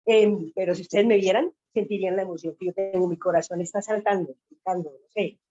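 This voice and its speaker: A woman talking excitedly and emotionally about her faith on a video call from her office. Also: mid-range voice, a little fast, dry recording, muffled recording. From Colombia. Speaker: caller sharing testimony. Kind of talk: emotional personal testimony. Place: home office.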